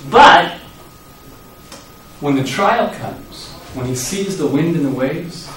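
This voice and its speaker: A man preaching a sermon, telling the story vividly and acting out the quoted lines with sudden loud rises. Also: on the high side, animated, takes it slowly. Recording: echoey hall, voice from far off.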